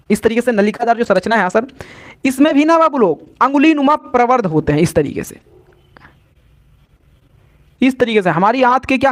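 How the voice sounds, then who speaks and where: Male science teacher a very high voice and a lilt, live lesson, drills each point in call-and-response. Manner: repetitive call-and-response teaching, answering his own questions.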